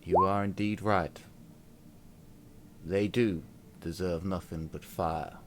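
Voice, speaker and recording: A man playing a stern, dutiful soldier in a tabletop game, speaking formally and deliberately, with faint background noise. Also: deep voice, steady tone. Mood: firm, dutiful. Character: Magnus, stern dutiful male soldier, loyal and haunted.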